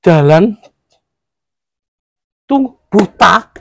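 A man's voice: high-pitched, lively intonation, very slow, gravelly. A man acting an angry father in a village drama, scolding and indignant. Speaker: village head candidate, father.

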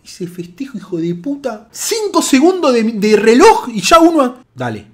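Speaking with a Rioplatense Spanish accent, a man commentates his own football video game match live. His voice is extremely high-pitched at a normal speed, and he's excitable, swearing and yelling at his players.

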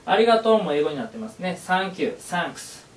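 A man's voice: high-pitched, big pitch swings, quick pace, far from the mic. Upbeat man teaching in an echoey room. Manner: upbeat, encouraging, repeats phrases aloud. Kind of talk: classroom lesson.

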